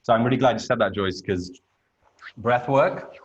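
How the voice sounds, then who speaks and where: A man's voice: medium pitch, normal speed, dull audio. A man with a British accent leading an online workshop as a breathwork coach, talking casually and informally and checking in with his listeners. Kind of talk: casual explanatory talk on a group video call. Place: online group video call.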